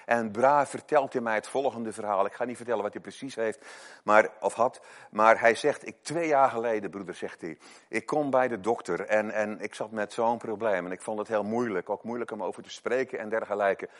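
Emphatic preacher, loud and hushed. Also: male voice, fairly low pitch, brisk. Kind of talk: sermon with personal stories.

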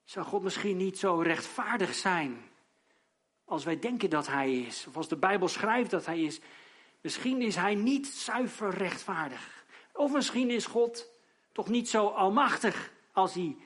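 Preaching man, somewhat high voice. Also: animated, unhurried, breathy edge. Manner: dramatic, rising to loud emphatic outbursts when quoting. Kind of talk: sermon.

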